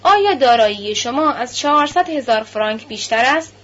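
A woman voicing a methodical male notary who questions in a measured, formal way. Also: on the high side, lively intonation, a bit bright. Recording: slightly muffled lo-fi recording.

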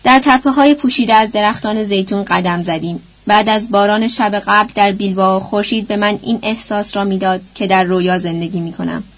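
A woman narrating a novel in the first person, measured and reflective, at a middle pitch. The recording is somewhat dull and lo-fi. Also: steady tone. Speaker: audiobook narrator.

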